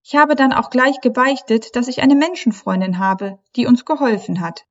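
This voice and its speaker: A bubbly little mermaid girl with a raised, bright young voice, done by a woman reading a storybook. She talks eagerly and fast to her human friend. The recording sounds slightly dull and lo-fi. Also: fairly high pitch, pitched above the performer's own voice, natural voice. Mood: downcast.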